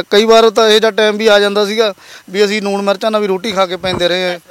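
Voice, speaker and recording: A man's voice: high voice, a bit bright, no echo. A man from Punjab, a laborer and father, telling his story in an interview in an earnest, polite and emotional way.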